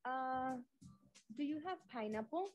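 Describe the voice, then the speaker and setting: A woman voicing a polite shopper buying fruit in a scripted textbook dialogue, spoken slowly and carefully. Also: sits high, animated, dull audio.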